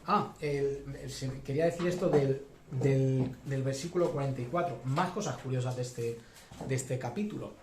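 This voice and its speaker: A man's voice: mid-range voice, moderate pace, darkish tone, a little hiss or hum. A man preaching a sermon as pastor, thinking aloud with many fillers and restarts. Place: church hall. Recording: echoey church hall.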